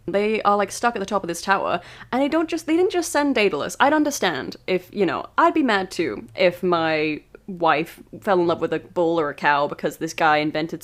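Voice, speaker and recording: A woman casually retelling an old myth as a birthday podcast, rambling with giggly asides. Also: lowish voice. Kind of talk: casual storytelling monologue.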